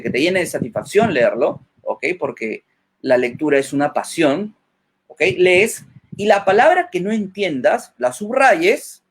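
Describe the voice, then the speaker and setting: Appearing as a webinar guest, a man with a fairly high, breathy-edged voice gives public speaking advice. He tacks "ok?" onto nearly every point and acts out short example lines in a changed voice.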